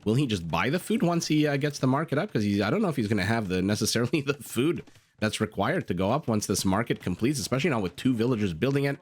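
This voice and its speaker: Talking fast into a desktop USB condenser mic, a raspy-voiced male game caster calls a strategy game match. His voice is mid-range, and his delivery is excitable and chatty, packed with asides and exclamations.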